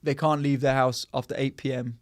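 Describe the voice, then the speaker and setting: A man's voice: mid-range voice, flat delivery, fairly quick, no room sound. A man co-hosting a podcast in casual, jokey banter, laughing often as he talks. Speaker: podcast co-host. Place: podcast studio.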